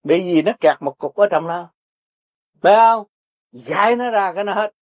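Older man, Southern Vietnamese accent, Buddhist teacher, high-pitched, urging and repetitive, dry dull recording. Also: normal speed, no echo. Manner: blunt, repetitive, urging, earthy. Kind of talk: folksy spiritual teaching to listeners.

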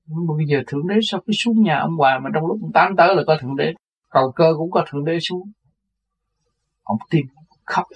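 An older man with a husky voice, earnestly telling a personal story. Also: fairly high pitch, brisk. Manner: recounts events earnestly, acts out quoted voices. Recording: dull lo-fi recording.

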